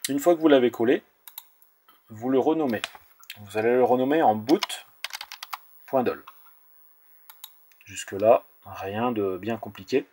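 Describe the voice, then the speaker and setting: A man's voice: mid-range voice, unhurried, pauses often, dark tone, breathy edge. Hesitant man walking through a tech tutorial. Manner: hesitant, many fillers and restarts, repeats "donc". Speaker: tutorial host. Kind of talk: screen-recorded tech tutorial.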